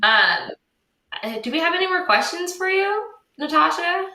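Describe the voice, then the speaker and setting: A woman hosting a casual chat, effusive and quick to laugh. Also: very high-pitched, lively intonation. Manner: warm, effusive, laughs easily. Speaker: podcast host. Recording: roomy sound from off mic.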